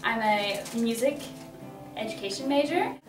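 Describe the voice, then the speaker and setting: A woman's voice: a little high, lively intonation, measured pace. A twenty-year-old woman, a music student, answering hesitantly in an interview, recorded by a camera across a small room. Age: young adult. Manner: hesitant, with fillers. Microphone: camera mic at a distance. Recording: echoey room, distant mic, faint music.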